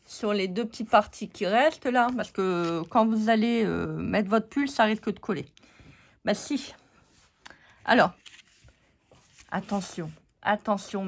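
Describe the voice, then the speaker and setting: A woman hosting a casual card-making tutorial, joking and teasing her viewers as she works. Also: mid-range voice.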